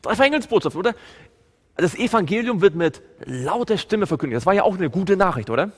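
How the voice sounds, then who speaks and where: A man with a high voice preaches fairly quickly at a Bible study, the sound carrying a long hall reverb. He animates the story as he goes and poses questions to his listeners.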